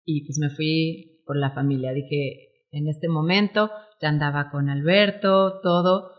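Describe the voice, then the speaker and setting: A woman in her forties with a Mexican Spanish accent, a guest telling her story in an interview, animated and acting out quoted dialogue. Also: deep voice, measured pace, highs cut off. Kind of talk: emotional personal storytelling interview.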